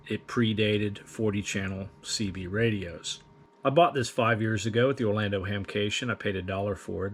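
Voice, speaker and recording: A man with a fairly low voice hosts a radio equipment demonstration, walking through it step by step in a plain, methodical, matter-of-fact way. A little hiss or hum is audible.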